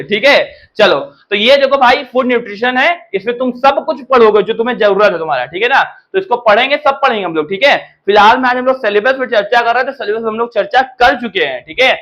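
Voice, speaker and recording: A man's voice: extremely high pitch, animated, fairly quick, few pauses, fairly bright tone, dull audio. A man teaching commerce students in a casual classroom-style lecture. He keeps repeating "theek hai na" and reassures them as he goes.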